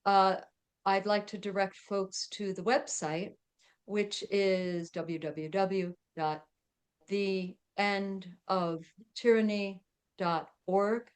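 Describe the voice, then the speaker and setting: A woman's voice: mid-range voice, fairly even intonation, slow pace, clean tone. A middle-aged woman chatting as a podcast guest, with lots of fillers and frequent laughs. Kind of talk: casual interview chat.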